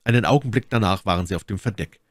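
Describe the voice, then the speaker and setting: A man reading a classic novel aloud as a narrator, with expressive, dramatic narration. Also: lowish voice, fast, no echo. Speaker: audiobook narrator.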